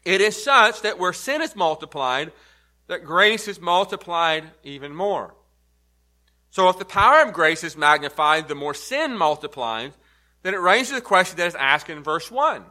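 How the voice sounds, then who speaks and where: Bright, high-pitched, slow-preaching man. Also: expressive. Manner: emphatic, building to forceful repeated negations. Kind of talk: sermon.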